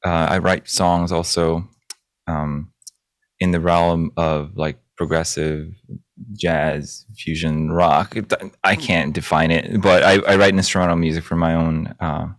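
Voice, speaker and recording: A man, a guest chatting casually in an interview and often pausing on fillers. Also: low-pitched, dry recording, clean studio sound. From South Korea. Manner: hesitant, many fillers and restarts, animated when recounting. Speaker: guest guitarist and music producer.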